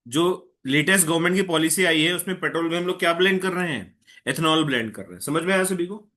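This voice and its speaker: A man's voice: fairly high pitch, bright, forceful tone. A man teaching a chemistry class online, mixing Hindi with English and often checking that students follow. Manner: patient, tells an eager student to slow down.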